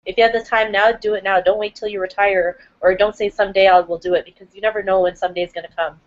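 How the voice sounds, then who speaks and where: A woman from Toronto speaks as a guest on a video call, upbeat and motivational as she introduces herself. Her voice sits at an ordinary pitch. The call audio is dull and lo-fi. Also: steady tone, fast. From Toronto, Canada. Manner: upbeat, motivational, laughs often. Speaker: panel guest. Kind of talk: casual self-introduction.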